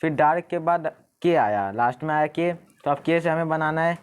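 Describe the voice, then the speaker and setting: A young male tutor talks through an exam paper one step at a time. He reads each sentence slowly and clearly before explaining it. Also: a little high, expressive. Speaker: English tutor. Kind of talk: exam paper walkthrough lesson.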